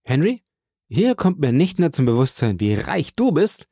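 A man voicing a theatrical, excitable young friend who gushes and wails dramatically in an audiobook. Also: on the high side, normal speed, no echo, clean studio sound, voice pushed up. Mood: gushing. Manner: theatrical, swings from gushing to wailing.

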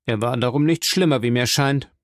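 A man's voice: mid-range voice, brisk, no echo, studio quality, lightly acted. A man voicing a greedy, scheming male ex-convict who needles and wheedles, in a storybook reading.

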